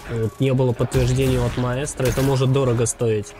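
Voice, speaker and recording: A man works as a fighting game announcer, with music clearly playing behind him. His voice sits at an ordinary middle pitch. He calls the match live in short, clipped phrases packed with gaming jargon. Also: level tone, a little fast. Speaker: esports tournament commentator.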